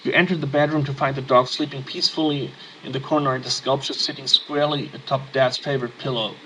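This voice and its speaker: Man, let's player, reads game text aloud, mutters asides, average pitch. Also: fairly even intonation, quick pace, background noise. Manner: casual, muttering asides and fillers. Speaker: let's play gamer.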